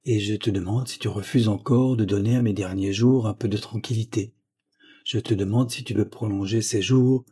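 A man's voice: lowish voice, fairly even intonation, moderate pace, mellow, husky. A man reading the lines of a frail, pious old grandfather who tenderly pleads with his granddaughter. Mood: pleading. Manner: earnest, tender entreaty.

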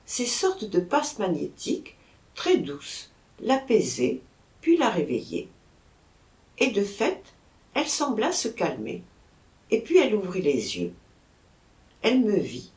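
A woman narrating a first-person story aloud in a measured, expressive way. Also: medium pitch. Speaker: audiobook narrator. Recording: roomy echo.

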